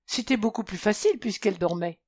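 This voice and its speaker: A woman's voice: mid-range voice, fairly quick, a little mellow, husky, dry recording, clean studio sound, lightly acted. A woman voicing a huge, boastful male dragon in a storybook reading, matter-of-fact.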